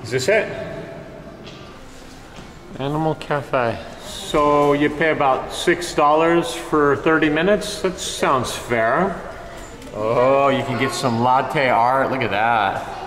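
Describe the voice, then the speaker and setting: Holding an action camera at arm's length, a middle-aged man vlogs in a casual, joking, playful way. His voice is medium-pitched, slow, and fairly bright, with a little hiss or hum.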